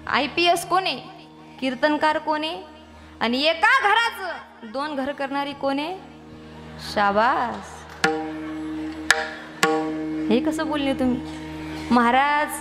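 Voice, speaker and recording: A woman preaching a devotional kirtan sermon, teasing her women listeners and calling for answers in lively call-and-response. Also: high-pitched, long reverb tail.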